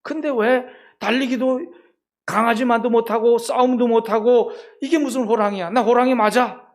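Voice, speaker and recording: A whiny young tiger cub in a preacher's story, asking again and again if he is truly a tiger, voiced by a man. The voice sits high and sounds plaintive. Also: steady tone, normal speed. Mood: whiny doubting. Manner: plaintive repeated questioning.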